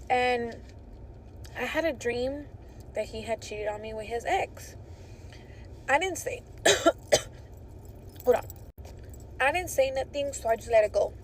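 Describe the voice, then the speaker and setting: Chatty woman with a slightly high voice. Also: a little hiss or hum, low-quality recording. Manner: conversational, self-correcting. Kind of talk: casual storytime vlog.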